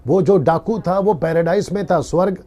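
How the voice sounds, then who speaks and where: Pastor, male, mellow dark tone, live-stream sermon, earnest teacher. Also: sits high, normal speed. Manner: earnest teaching, repeats key lines, quotes scripture.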